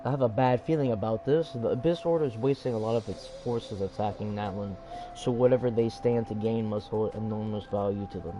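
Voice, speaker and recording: A man voicing a serious, mysterious swordsman who speaks in a formal, measured way, in a video game. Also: lowish voice, steady tone, close to an everyday voice, low-quality recording. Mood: grave. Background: game music.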